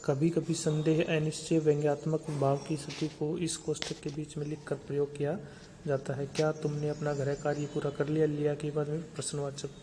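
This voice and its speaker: A man's voice: a little high, completely flat delivery, moderate pace, dark tone, slight background noise. A man teaching a grammar lesson for exam preparation, listing terms steadily and repeating key words.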